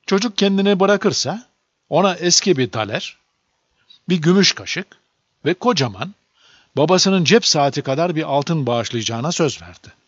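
A man narrating a children's storybook aloud in a lively, expressive reading. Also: on the high side, moderate pace, husky, dry recording. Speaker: audiobook narrator. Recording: dull lo-fi dry recording.

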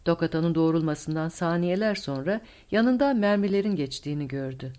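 A woman narrating a war novel audiobook with dramatic, expressive storytelling. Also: lowish voice, brisk. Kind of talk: scripted narration.

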